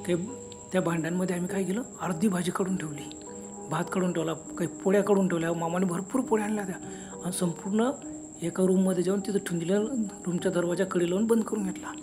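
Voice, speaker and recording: A man narrating a first-person horror story in a conversational, unhurried way. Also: high-pitched, steady tone. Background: background music and crickets.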